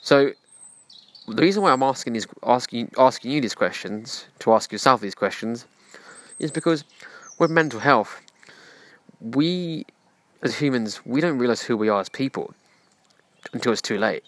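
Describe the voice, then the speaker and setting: A man's voice: medium pitch, animated, moderate pace, a bit bright, dry recording. A man hosting a self-help podcast, speaking earnestly and preachily in direct address to the listener. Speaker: podcast host.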